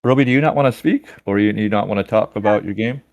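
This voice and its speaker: A man's voice: on the low side, quick pace, vocal fry, darkish tone, lo-fi sound. A man moderating a casual chat, giving direct critique of a game.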